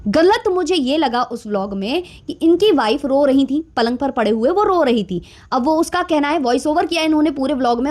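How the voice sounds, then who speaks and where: A woman's voice: on the high side, a little mellow. A woman giving casual vlog commentary, outspoken and indignant as she rants about other creators. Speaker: YouTube commentator.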